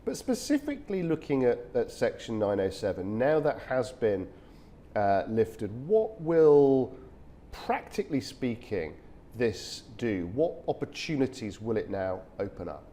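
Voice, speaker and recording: A man's voice: mid-range voice, sing-song, unhurried, warm tone. A man working as a news interviewer, putting probing questions in a conversational way. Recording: faint ambient background noise.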